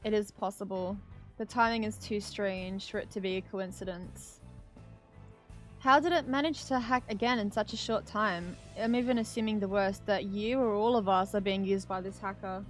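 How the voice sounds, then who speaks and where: A woman's voice: mid-range voice, steady tone, normal speed, soft background music, lightly acted. A woman reading aloud the lines of a playful, earnest young male hacker from a visual novel, in a matter-of-fact way. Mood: serious.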